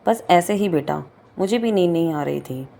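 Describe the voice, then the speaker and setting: A woman voicing a kind, soft-spoken older father-in-law in a read-aloud story. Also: fairly low pitch, lively intonation, normal speed, gravelly. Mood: gentle. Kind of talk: storybook reading.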